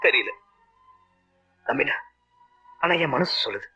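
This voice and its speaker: An actor playing a harried man caught between quarrelling people, lively, exasperated and often shouting. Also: mid-range voice, unhurried, breathy edge, heavily acted. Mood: brooding. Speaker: film actor. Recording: dull remastered film audio with music.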